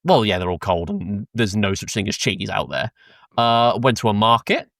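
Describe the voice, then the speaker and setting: A man's voice: lowish voice, sing-song, normal speed, a bit bright, no echo, clean studio sound. A young British man co-hosting a podcast, rambling through an anecdote with swearing, laughs and many ums. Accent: British English. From Britain. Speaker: podcast co-host. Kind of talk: casual podcast chat. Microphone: close podcast mic, dry sound.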